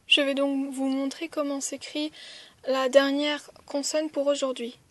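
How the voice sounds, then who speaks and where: High-voiced woman teaching, dry close sound. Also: little pitch movement, unhurried, dry recording. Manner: counts strokes aloud, softly whispering some counts; frequent "euh" hesitations. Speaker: language teacher. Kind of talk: step-by-step writing lesson.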